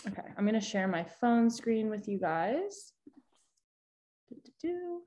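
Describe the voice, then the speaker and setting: A woman's voice: a little high, big pitch swings, unhurried, warm tone. A young woman guest expert giving a chatty live tutorial over a video call, explaining step by step with frequent restarts. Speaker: social media guest expert.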